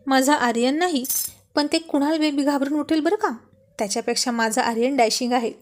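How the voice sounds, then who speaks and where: A woman's voice: sits high, brisk, natural voice. Woman doing teasing, stubborn young husband. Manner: coaxing, teasing, firm.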